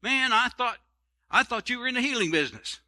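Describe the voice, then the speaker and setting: An exasperated mother pleads for her daughter and grumbles in plain, folksy words, as a preacher acts her out in a raised voice. The tone is sharp and tense, and she sounds put out. This is a sermon aside. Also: very high-pitched, expressive, fairly quick, voice pushed up, exaggerated voice. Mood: indignant.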